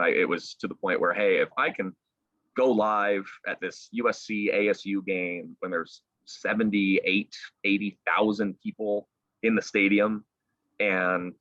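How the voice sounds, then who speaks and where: A man's voice: deep voice, no room sound, lo-fi sound. A young man in his twenties, a sports broadcaster, telling a story as a guest on a video-call interview, animatedly acting out other people's lines. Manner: animated storyteller, quotes others with lively voice jumps. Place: indoors at home. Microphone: laptop mic on a video call.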